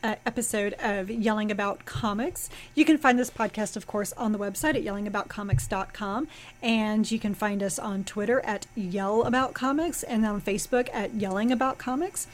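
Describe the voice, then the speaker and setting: Speaking at a normal speed in a medium-pitched voice, this podcast co-host rambles through comic plot recaps on a casual show, stopping to restart and leaning on fillers.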